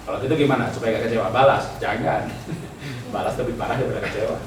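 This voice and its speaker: A man's voice: mid-range voice, fast talker, distant mic. Man, pastor, humorous retreat sermon, teasing delivery, echoey hall, audible background noise. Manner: humorous, teasing the congregation and laughing often; acts out people's prayers in mocking voices.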